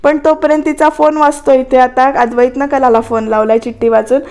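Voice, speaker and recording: Lady reviewer narrating a tv serial episode, chatty, talks to viewers, fairly high voice. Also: steady tone, a little fast, darkish tone, clean tone. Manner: chatty, addresses viewers directly. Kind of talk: voice-over retelling of a TV episode.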